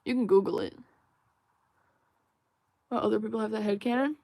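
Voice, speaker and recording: A woman's voice: on the high side, fairly even intonation, normal speed, creaky, a little mellow, no echo. A young woman hosting a casual livestream while drawing, musing and rambling with many fillers and restarts while she reads viewer chat aloud. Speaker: livestream host.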